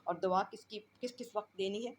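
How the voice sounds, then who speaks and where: A woman's voice: medium pitch, a little hiss or hum. A woman teacher who reads a classroom play aloud and explains each line in simpler words.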